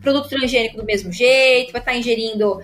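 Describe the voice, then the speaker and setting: A woman's voice: a little high, quick pace, fairly bright tone, faint music behind. A woman sommelier with a Brazilian Portuguese accent, explaining at length in casual chat with many filler tags and restarts. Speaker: sommelier guest.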